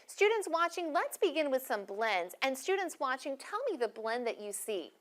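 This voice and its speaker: A woman teaching a first-grade phonics lesson in a classroom, speaking slowly and clearly with encouragement. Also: high-pitched, very animated.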